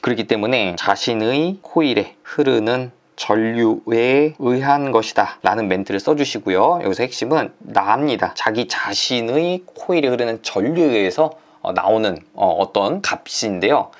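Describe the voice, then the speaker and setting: Man, online exam-prep teacher, chatty, filler-heavy, mid-pitched. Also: expressive. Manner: chatty, uses many fillers and drawn-out "ja". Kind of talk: online lecture.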